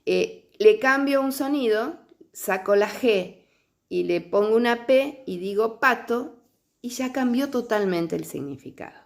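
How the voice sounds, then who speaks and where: A woman's voice: a little high, animated, unhurried, vocal fry. A middle-aged woman teacher, lecturing patiently on early literacy and often checking in with her listeners.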